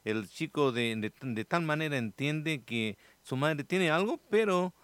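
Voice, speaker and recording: A man in a casual discussion who agrees often and speaks haltingly, with frequent restarts. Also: on the high side, expressive, fairly bright tone, smooth, no echo.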